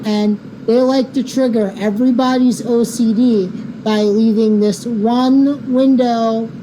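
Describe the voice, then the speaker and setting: In noisy gaming voice chat over a rumbling vehicle, a woman playing a group bus-driving game banters in a teasing, mildly sweary way. Her voice is slow and mellow with fairly even intonation.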